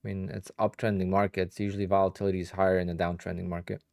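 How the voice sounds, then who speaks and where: Tired and sleepy, a Polish-accented man in his thirties from Poland talks through his live day-trading stream, chatting with viewers and leaning on "like" and "you know." His low, gravelly, slightly mellow voice races along with little pitch movement. The sound is clean studio quality with no echo.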